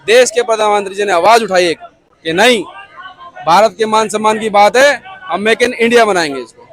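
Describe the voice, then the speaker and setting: A man's voice: high voice, brisk, a bit bright. A man giving his opinion in a street interview, insistent and speaking straight to the listener. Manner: insistent, addresses listener directly.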